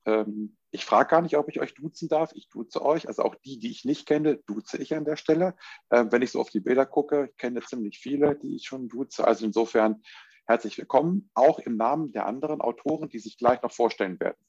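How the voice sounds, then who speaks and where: A man from Germany hosting an online book launch, chatty and relaxed, with frequent fillers. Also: medium pitch, a little fast, slightly rough, no room sound. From Göttingen, Germany. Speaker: event host, coach. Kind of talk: online launch event presentation. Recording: dull dry online call audio.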